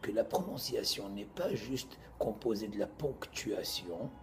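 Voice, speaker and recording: A man, teaching an informal Torah class to students in an animated, joking way, moving between loud bursts and quiet asides. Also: fairly low pitch, unhurried, soft background music.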